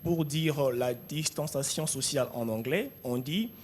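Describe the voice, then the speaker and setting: A man teaching English vocabulary to children, saying each word slowly so they can repeat it. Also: medium pitch, a little mellow, slight background noise. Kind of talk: classroom drill lesson.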